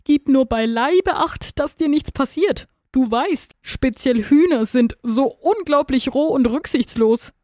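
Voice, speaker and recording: A woman's voice: high voice, animated, a little slow, few pauses, dark tone, no room sound, clean studio sound, voice pushed up. A woman voicing an anxious female earthworm wife in a storybook reading, pleading and drawn out.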